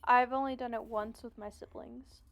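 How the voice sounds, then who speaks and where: A woman streaming a video game, chatting casually and calling out loudly and excitedly as she plays. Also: fairly high pitch, moderate pace. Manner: excited, loud callouts while playing. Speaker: streamer and channel host. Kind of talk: casual gaming stream chat.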